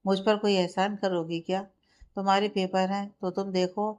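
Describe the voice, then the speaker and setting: A woman's voice: mid-range voice, little pitch movement, moderate pace, a little mellow, natural voice. Storybook: exasperated, teasing young husband, read by a woman narrator. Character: young man, irritated but caring husband.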